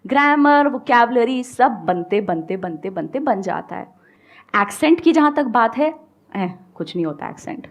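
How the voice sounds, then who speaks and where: A young woman on a seminar stage giving frank, animated advice about speaking English, switching between Hindi and English. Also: fairly high pitch, normal speed. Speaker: guest speaker, English coach.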